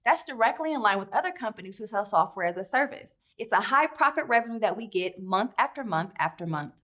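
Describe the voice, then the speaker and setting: A woman's voice: medium pitch, animated, fast talker, pushed and bright. A woman speaking as a company founder in a scripted promotional interview, with a polished, upbeat sales delivery. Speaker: company founder pitching to investors.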